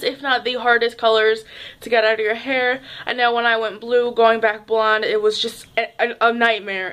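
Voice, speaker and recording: Chatty high-voiced young woman vlogging. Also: a bit bright. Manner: rambling, chatty, restarts often. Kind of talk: casual vlog chat. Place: home room, at a table.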